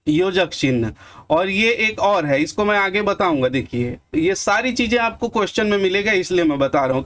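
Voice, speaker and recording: A man's voice: high-pitched, a bit bright. A man with a Chhattisgarhi accent teaching an exam-prep lesson, calling viewers friends and answering his own questions. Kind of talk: online lesson with examples.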